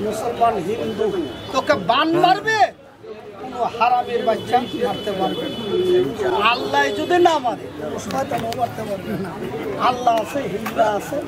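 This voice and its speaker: Out on a busy street, a very high-voiced man peddles amulets and herbal charms to a crowd. He pitches in short, repeated phrases and keeps pushing insistently, while crowd noise and traffic roar loudly around him.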